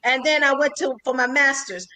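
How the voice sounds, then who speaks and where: A woman's voice: high voice, fairly quick, pushed and bright. An older woman, a psychologist, giving earnest advice as a podcast guest, stressing and repeating her key points. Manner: earnest, emphatic, repeats key phrases like a preacher. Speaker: psychologist and radio host, interview guest.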